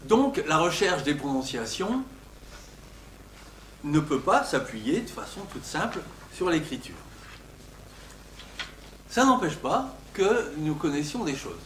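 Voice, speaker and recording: Older man lecturing, lively up-and-down voice, fairly high pitch, hesitant fillers, echoey lecture hall. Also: slow pace, pauses often, slight background noise. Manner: animated, emphatic on example words, frequent hesitations. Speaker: linguistics professor lecturing. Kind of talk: academic lecture.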